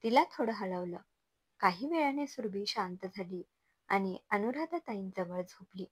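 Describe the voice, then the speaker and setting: Breathy woman narrating a romance story. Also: mid-range voice, lively intonation, a little slow, no echo.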